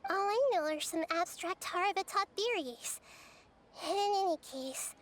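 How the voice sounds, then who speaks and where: A woman voicing a small, chatty, excitable female fairy companion in a video game. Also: very high voice, a little slow. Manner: bubbly, excitable, speaks of herself by name.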